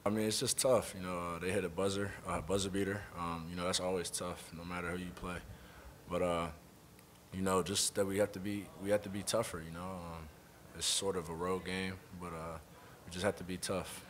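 A young man, a college basketball player at a postgame press conference, speaking in a soft, low-key way with many fillers into a table mic. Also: little pitch movement, fairly quick, slight background noise. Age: young adult.

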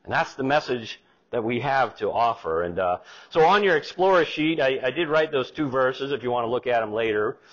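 Lively middle-aged pastor preaching from the pulpit. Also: male voice, mid-range voice, a little fast. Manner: lively preaching, reads scripture aloud with rising emphasis. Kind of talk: sermon. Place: church sanctuary, in front of a wooden pulpit. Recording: slightly dull, lo-fi church recording.

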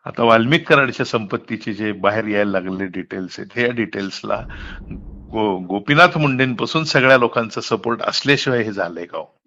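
Recorded off a telephone call, a middle-aged man talks candidly about politics, explaining emphatically and throwing in rhetorical questions. His voice is fairly low, brisk, pushed and bright, with lo-fi sound.

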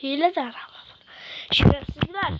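A woman commentates on her game in a very high voice, excitable and quick to grumble at it. The recording is dull and lo-fi, with loud noise underneath. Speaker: gamer.

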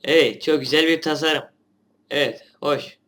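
A man's voice: on the high side, steady tone, moderate pace, sharp tone. A young man, a gaming channel host giving casual gameplay commentary, chatty and grumbling at the game.

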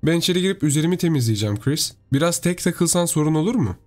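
A man's voice: lively intonation, racing, darkish tone, faint music behind, close to an everyday voice. A man voicing a panicked young wife who shrieks and begs in terror. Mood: sceptical. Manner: shrill screaming.

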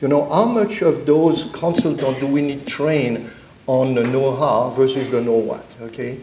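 A man's voice: medium pitch, steady tone, moderate pace, warm tone, roomy sound, slight background noise, rough recording. A middle-aged man speaking as a panelist on a conference stage, explaining earnestly with frequent restarts. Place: conference stage before an audience.

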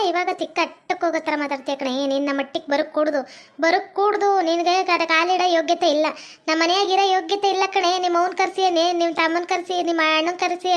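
A woman playing a harsh, scornful middle-aged mother-in-law in a family skit, with a North Karnataka accent. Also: very high voice. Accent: North Karnataka Kannada. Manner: scornful, scolding, sing-song taunts. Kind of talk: family comedy skit acting.

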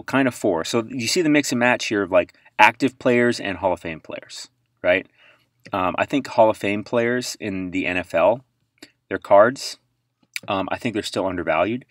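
A man with a somewhat low voice talks through price charts in an offhand, chatty way. He rambles and trails off, then bursts into loud exclamations. The sound is dry, with no room echo. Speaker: sports card investing channel host. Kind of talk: casual commentary while browsing price charts.

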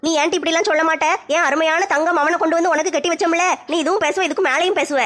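A woman's voice: extremely high pitch, fairly even intonation, rapid-fire, a bit bright. A woman playing a stubborn village mother-in-law, blunt and scolding.

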